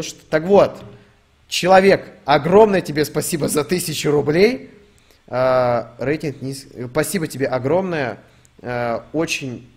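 A man's voice: mid-range voice, darkish tone. A young man streaming, reading out donations and ranting in a casual, profane, rambling way. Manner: swears a lot, rambling with fillers.

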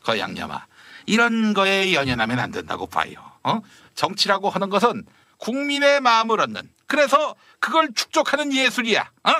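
A man playing a crude elderly minister, blunt and scolding, lively bright voice, dry close sound. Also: sits high, normal speed, no echo. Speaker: satirical sketch performer. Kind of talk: satirical Joseon-era costume parody.

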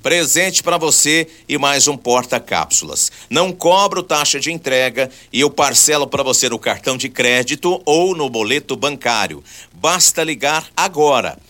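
A man giving a live radio sales pitch, persuasively listing benefits and urging listeners to call. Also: moderate pace, hardly any pauses, pushed and bright.

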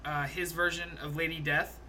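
Bright-voiced young man gushing about a movie. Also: on the high side, moderate pace, a little hiss or hum. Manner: animated, swearing, laughs a lot, recounts scenes. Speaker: podcast co-host. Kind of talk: casual movie review chat.

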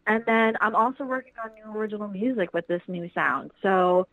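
Female musician guest, bubbly and excited, chatty with fillers, dry close sound. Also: medium pitch, brisk, no room sound, rough recording. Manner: enthusiastic, gushing, many fillers. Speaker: singer, interview guest. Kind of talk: casual interview chat.

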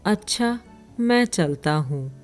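A woman's voice: on the low side, lively intonation, takes it slowly, faint music behind. Woman voicing a sly, foolish male thief.

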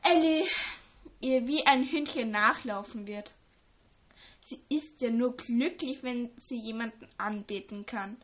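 A woman's voice: a little high, a little slow, fairly bright tone. A woman reading the part of a cheeky, boyish teenage schoolgirl, matter-of-fact in tone.

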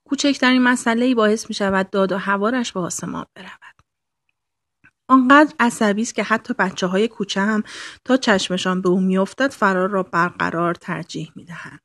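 A woman reads a novel aloud in a calm, intimate storytelling voice with a husky, breathy grain. Her pitch sits in the middle, and at times she sinks into a soft whisper. The recording is dry and close, with no room sound. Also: dry recording. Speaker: audiobook narrator. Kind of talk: scripted narration.

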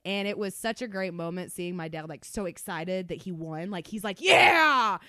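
A woman co-hosting a casual chat, telling a lively story with frequent swearing and laughter. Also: fairly low pitch, moderate pace, no echo. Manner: animated storyteller, swears freely, laughs often. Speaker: podcast co-host.

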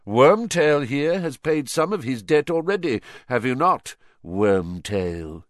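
A menacing storybook dark wizard lord, put on by a male reader. He speaks very slowly and theatrically, with big swoops in pitch and cold, deliberate disdain. The sound is close and dry. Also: big pitch swings, no echo. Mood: stern, unforgiving.

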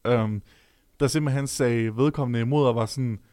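A man's voice: medium pitch, fairly even intonation, a little mellow, no echo, studio quality. A young man chatting casually on a podcast, hesitant and full of filler sounds.

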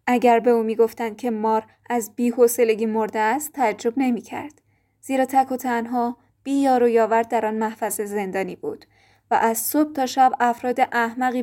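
A woman narrating a children's fantasy audiobook in a calm, measured storytelling manner. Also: a little high.

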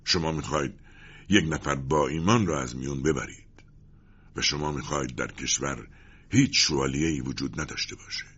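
A proud nobleman facing execution, defiant and scornful, as a man reads him. The voice sits low and husky, and the storybook recording sounds dull and lo-fi. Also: fairly bright tone, heavily acted. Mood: resigned. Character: condemned proud older nobleman.

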